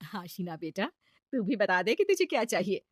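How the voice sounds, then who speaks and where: A kind, patient mother-in-law in a cartoon story, played by a woman with a medium voice. She speaks gently and motherly, and the recording is dry and close. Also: mid-range voice, big pitch swings, moderate pace, no echo. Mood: gentle.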